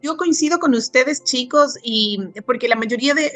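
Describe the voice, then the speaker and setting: A woman in her forties hosting a casual interview, talking in a lively way and asking questions. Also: sits high, moderate pace, soft background music. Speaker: immigration consultant host.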